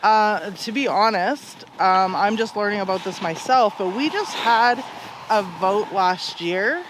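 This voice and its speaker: High-pitched, emphatic Canadian man. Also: measured pace, background noise. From Alberta, Canada. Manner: emphatic, opinionated, uses rhetorical questions. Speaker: interview guest. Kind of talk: conversational interview answers.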